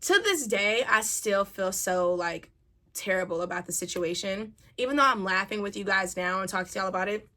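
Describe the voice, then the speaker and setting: A young woman casually telling a personal story to her viewers, animated and chatty, laughing now and then. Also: medium pitch, normal speed. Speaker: vlogger.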